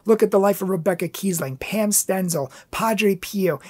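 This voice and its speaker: A man's voice: high voice, moderate pace, a little mellow. A man giving an earnest, impassioned inspirational talk, telling a personal story as a pro-life speaker.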